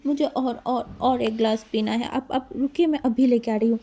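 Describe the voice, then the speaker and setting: A tipsy, childish young man stumbles over his words, pouting and whining, his voice pushed high and wobbling toward tears. A woman puts him on as she narrates a spoken storybook. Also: steady tone, normal speed, mellow. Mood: petulant. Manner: stammering, slurred, pouting. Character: drunk whiny young man, childish and tearful.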